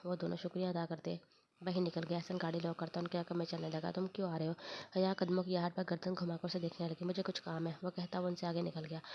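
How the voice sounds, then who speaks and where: Woman reading a novel fast, low gravelly voice, kinda dull lo-fi audio. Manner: quick, even reading, voicing all characters in her own voice. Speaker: novel narrator. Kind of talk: reading an Urdu romance novel aloud. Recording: dull lo-fi recording with faint noise.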